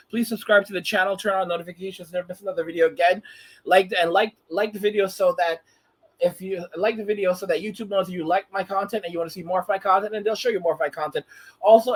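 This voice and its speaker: Husky high-voiced man in his thirties. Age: 30s. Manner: rambling, repeats and restarts phrases. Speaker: channel host. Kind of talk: casual commentary to camera.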